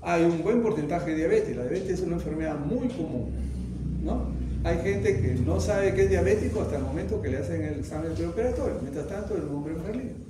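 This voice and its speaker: A man's voice: on the high side, lively intonation, brisk. A middle-aged man teaching an anesthesiology class, who keeps checking in with his students by asking whether they follow. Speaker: anesthesiology lecturer. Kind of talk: classroom lecture. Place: lecture room. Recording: echoey classroom with faint background noise.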